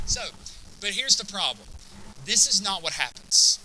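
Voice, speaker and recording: A man's voice: high-pitched, sing-song, unhurried, heavy background noise. A man teaching a chemistry class, lecturing and constantly checking in with students by asking "right?" and "okay?".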